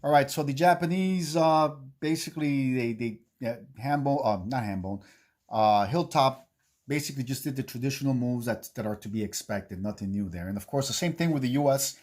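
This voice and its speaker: A man hosting a board-game series, giving a casual recap in a halting way, repeating himself and checking in with "okay". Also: mid-range voice, darkish tone. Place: indoor home game room he calls the bunker.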